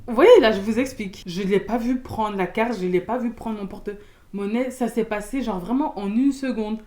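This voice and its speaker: A young woman from Belgium, telling a storytime in casual slangy chat, loud and expressive, acting out the people in her story. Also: mid-range voice, normal speed. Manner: casual slangy talk with many fillers.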